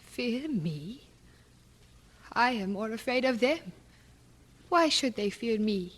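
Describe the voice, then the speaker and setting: Slow-spoken young Queen Mary. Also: a little high, animated. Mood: anxious. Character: young, anxious, proud Queen of Scots. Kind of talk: old radio drama acting.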